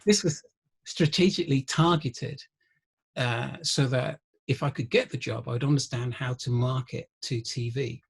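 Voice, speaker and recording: Middle-aged guy w a husky voice telling funny stories in an interview, lots of ums. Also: medium pitch, fairly even intonation, normal speed. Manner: anecdotal, wry, laughs through stories, frequent ums. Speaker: guest musician and researcher. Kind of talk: conversational interview storytelling.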